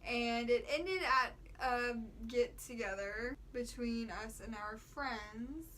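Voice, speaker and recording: A young American woman tells a story in casual vlog style. Her voice is fairly high and forceful, with slangy, animated delivery that acts out who said what. Some noise sits behind her. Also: slow. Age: young adult. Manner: animated, slangy, quotes dialogue. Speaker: vlogger telling a story with a friend. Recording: clear background noise.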